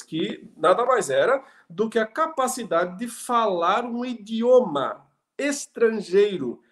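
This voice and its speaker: A man preaching and teaching from the Bible, explaining verse by verse, often asking rhetorical questions. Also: high voice.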